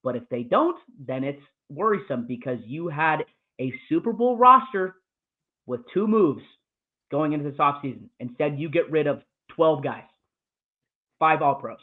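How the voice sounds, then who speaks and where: Man, sports podcast co-host, profane rant, higher voice, tinny call audio. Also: lively intonation, normal speed. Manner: profane, ranting football fan. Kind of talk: casual sports podcast chat.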